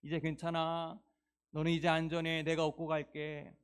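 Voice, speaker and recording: A man voicing a gentle male shepherd who comforts a rescued sheep in a soothing, reassuring way. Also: a little high, completely flat delivery, normal speed, clean tone, lightly acted. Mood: tender.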